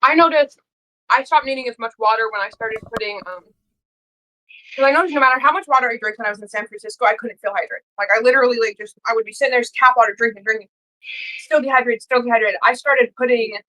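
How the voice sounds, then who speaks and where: A woman's voice: a little high, quick pace, bright, forceful tone, poor audio. A woman co-hosting a podcast in casual chat, telling stories earnestly and emphatically. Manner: earnest, emphatic, rambling storytelling. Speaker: podcast co-host.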